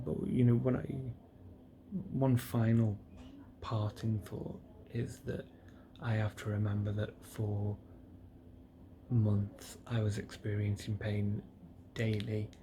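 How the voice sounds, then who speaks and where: A man in a drowsy, relaxed state after surgery, talking casually and haltingly to himself on a vlog, subdued and trailing off between phrases. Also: on the low side. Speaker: patient vlogger recording a health diary. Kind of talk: casual solo vlog, rambling reflection. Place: indoors, alone in a private hospital room. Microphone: self-recording on a device with a screen. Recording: noisy room ambience.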